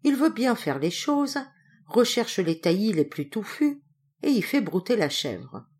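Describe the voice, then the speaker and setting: Lively woman reading a fairy tale. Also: mid-range voice, measured pace, breathy edge. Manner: expressive, lilting read-aloud. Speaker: storyteller. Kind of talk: fairy tale read aloud.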